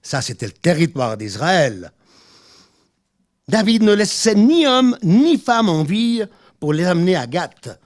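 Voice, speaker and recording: A man's voice: high voice, sing-song, unhurried. A man preaching a sermon in a church, a native Spanish speaker who reads scripture aloud with informal asides and restarts.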